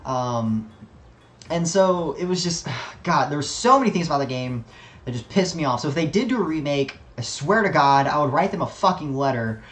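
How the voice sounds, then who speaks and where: A man's voice: fairly high pitch, animated, moderate pace, a bit bright, reverberant. A man streaming a video game, ranting casually with frequent swearing and fillers. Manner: rambling, profane, lots of fillers. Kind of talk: casual gaming commentary.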